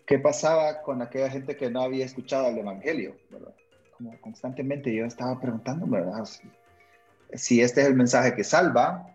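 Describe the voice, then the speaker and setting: A young Honduran man with a Honduran accent tells his personal story in a radio interview. He speaks at a middle pitch, pausing often with fillers and tag questions. The recording is a little dull, with faint music behind him. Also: darkish tone. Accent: Honduran Spanish. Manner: hesitant, with frequent fillers and a habitual tag question. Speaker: missionary guest.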